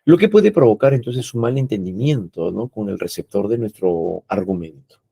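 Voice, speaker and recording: A man's voice: fairly low pitch, lively intonation, moderate pace, gravelly, dark tone, breathy edge, no room sound. A man giving an explanatory lecture as a teacher, explaining patiently and often adding "no?" and "eh" as he talks. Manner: explains patiently with frequent "¿no?" and "eh" tags.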